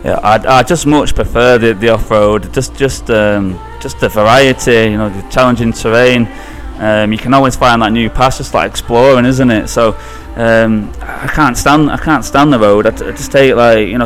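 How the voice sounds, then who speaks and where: A man with a British accent from Greater Manchester, answering casually as a podcast guest and often repeating his words. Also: mid-range voice. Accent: northern English, Greater Manchester. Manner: halting, repeats words, says "you know".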